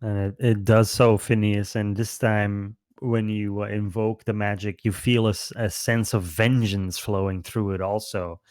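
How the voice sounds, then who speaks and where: A man running a tabletop game as game master, relaxed and often laughing. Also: on the low side, unhurried, hardly any pauses, no room sound. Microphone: online voice chat.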